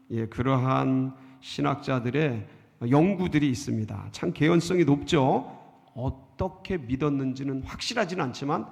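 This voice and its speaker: A middle-aged male pastor preaching a sermon, asking the congregation questions and answering them himself, dramatic and expressive. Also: creaky. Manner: dramatic, acts out emotions with sudden pitch jumps. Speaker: senior pastor. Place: church sanctuary. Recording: church sanctuary with long reverb.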